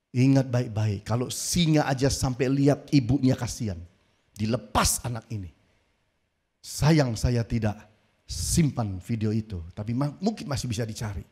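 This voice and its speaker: A male pastor preaching a sermon, telling a story dramatically and rising to near-shouts at its peaks. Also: medium pitch, slightly rough.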